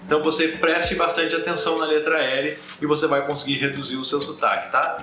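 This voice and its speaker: A Brazilian man teaching pronunciation in a casual spoken lesson, explaining patiently, checking in with quick tag questions and slowing down to demonstrate sounds. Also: fairly high pitch, flat delivery, bright, forceful tone. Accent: Brazilian Portuguese. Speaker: language teacher. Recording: echoey room with faint ambient noise.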